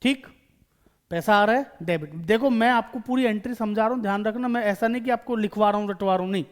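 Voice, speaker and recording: A man's voice: high-pitched, quick pace. A man teaching accountancy in a lecture, explaining each step and asking and answering his own questions to the students. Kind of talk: classroom lecture.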